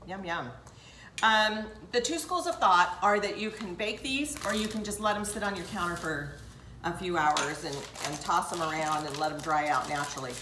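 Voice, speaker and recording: A woman's voice: on the low side, animated, normal speed, sharp tone, slight background noise. Chatty older woman in an echoey kitchen. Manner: chatty, talks straight to viewers while working. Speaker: cooking show host. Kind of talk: casual cooking demonstration. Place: home kitchen, indoors.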